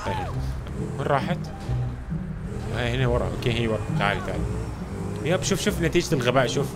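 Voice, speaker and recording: Guy doing let's play commentary super fast, hyped, talks to the viewers, game music behind. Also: medium pitch. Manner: excited, chatty, keeps addressing viewers as guys. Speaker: gaming channel host. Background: game sounds and music.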